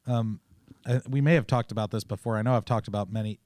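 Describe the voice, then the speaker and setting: A man's voice: fairly low pitch, fast talker, a little mellow, no room sound. A man co-hosting a casual faith podcast, telling stories with many restarts and asides. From Oregon, United States. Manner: rambling, storytelling with many restarts. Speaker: podcast co-host.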